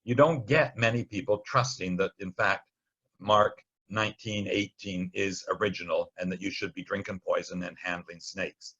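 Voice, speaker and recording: Speaking at a moderate, steady pace, this man has a low voice that comes across pushed, bright and husky, with the high frequencies cut off. He's a Bible study teacher explaining scripture informally, storytelling with wry comments and acting out short quotations.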